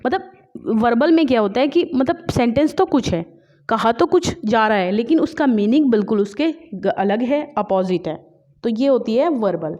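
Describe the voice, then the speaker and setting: A woman gives an online exam-prep class on English literature, explaining in Hindi mixed with English and often checking in with "है ना?" while reading English examples slowly. Her voice is a little high and mellow, with lively intonation, and the recording sounds dull and lo-fi.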